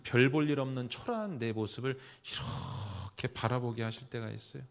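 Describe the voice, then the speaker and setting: A man's voice: medium pitch, moderate pace. Emphatic middle-aged male pastor preaching. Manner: emphatic, with rhetorical questions to the congregation; swings between loud exclamations and quiet asides. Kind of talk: sermon. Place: church sanctuary.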